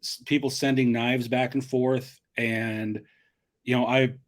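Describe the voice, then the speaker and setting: A man's voice: medium pitch, level tone, unhurried. A middle-aged man in a casual chat as a guest, talking in a friendly, rambling way with frequent restarts.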